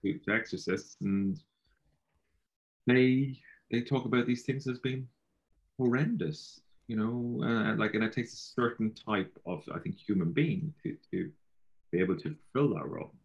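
A man's voice: medium pitch, measured pace, muffled recording. A man from Galway with a west of Ireland accent, talking casually and philosophically, repeating himself and leaning on filler phrases. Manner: repeats himself, peppers talk with "you know".

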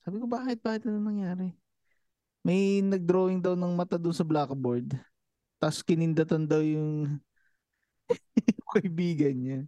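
A man's voice: fairly high pitch, unhurried, pauses often, warm tone, dry recording. Married man telling a spooky school story. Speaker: podcast co-host. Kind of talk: casual chat, storytelling.

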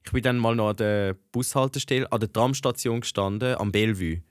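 A young man in his twenties with a Swiss German accent, co-hosting a podcast and telling stories in a chatty, animated way. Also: fairly low pitch, fairly quick, no echo, studio quality. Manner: animated, chatty storytelling with laughs. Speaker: podcast co-host. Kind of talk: casual chat.

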